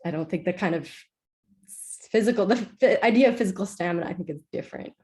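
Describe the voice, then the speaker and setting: A woman's voice: mid-range voice, fast talker, darkish tone. A young woman from Iceland, a composer answering interview questions in a casual, chatty way, full of "like"s and self-corrections.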